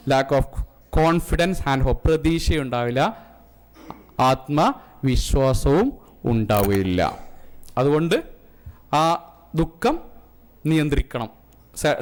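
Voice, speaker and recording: A man with a Malayali accent teaching an emotional intelligence class, questioning the audience and joking. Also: on the high side. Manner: asks the audience questions and jokes. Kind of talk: interactive classroom lecture. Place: community centre classroom.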